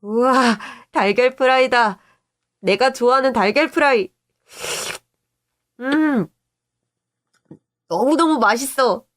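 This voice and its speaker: A woman voicing an eager, cheeky young boy who chirps and teases excitedly. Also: medium pitch, measured pace, lightly acted. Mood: delighted.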